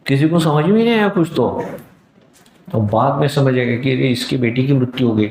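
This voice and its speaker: A man's voice: a little high, a little mellow. A man, a monk, gives a devotional discourse. He tells stories and acts out the voices of the people in them, mixing English words into his speech. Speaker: monk giving a scripture talk. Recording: echoey hall, faint background noise.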